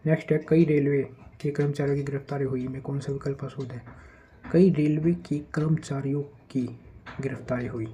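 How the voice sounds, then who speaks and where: A man teaching an exam-prep grammar lesson in a conversational way. He reads the test sentences slowly and speeds up when he warns about common traps. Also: medium pitch, fairly even intonation, warm tone, a little hiss or hum, poor audio.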